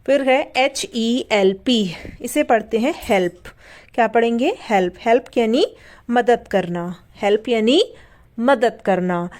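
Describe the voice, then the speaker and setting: A woman's voice: fairly high pitch, darkish tone. A woman teaching an English lesson for beginners. She spells words out letter by letter and repeats each one patiently. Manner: spells out letters slowly before reading a word.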